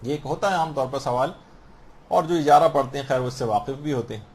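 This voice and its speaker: Pakistani man teaching prayer rules. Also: medium pitch. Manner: explains in question-and-answer form. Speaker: religious teacher. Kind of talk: religious instruction lecture.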